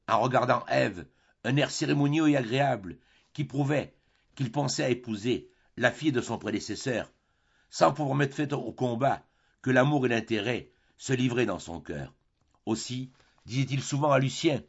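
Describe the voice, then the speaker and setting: A man's voice: medium pitch, creaky, breathy edge, muffled recording. A man narrating a classic novel for an audiobook, reading steadily phrase by phrase.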